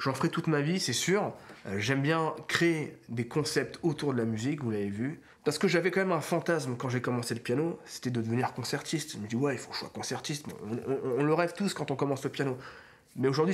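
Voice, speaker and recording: A man in his thirties telling a personal story to camera in a casual, animated way, acting out bits of dialogue and poking fun at himself. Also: medium pitch. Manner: animated, acts out dialogue, self-mocking. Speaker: YouTuber. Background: loud background music.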